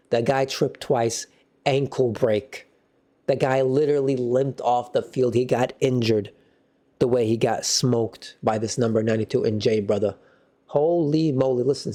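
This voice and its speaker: Excitable man doing football banter. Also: mid-range voice. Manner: animated, excitable, slangy banter. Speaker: football fan channel host. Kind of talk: casual match reaction.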